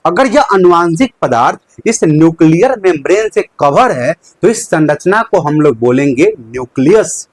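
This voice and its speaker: A man's voice: on the high side, lively intonation, normal speed, few pauses, no echo. A young man teaching a live online lecture, asking questions and answering them himself and repeating key terms. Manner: uses a handkerchief as a prop.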